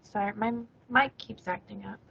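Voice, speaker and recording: A woman's voice: medium pitch, fairly even intonation, vocal fry, bright, forceful tone, slightly rough, highs cut off. Woman on a call that keeps dropping out. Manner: repeats short phrases slowly and carefully. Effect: voice breaking up from a faulty mic, like a call dropping out. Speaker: student. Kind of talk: pronunciation practice in an online class. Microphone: video call.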